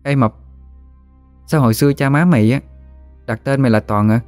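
A man voicing a bold ten-year-old village girl, high and chatty. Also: brisk, darkish tone, dry recording, faint music behind, close to an everyday voice. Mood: teasing.

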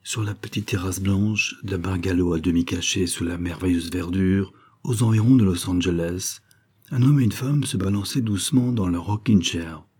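A man reading an audiobook as narrator in a measured, softly expressive way. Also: sits low, breathy edge.

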